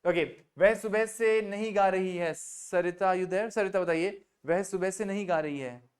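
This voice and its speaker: A man's voice: high voice, unhurried. A man teaching spoken English on a video call, patiently repeating examples and mixing Hindi with English. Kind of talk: online spoken English lesson.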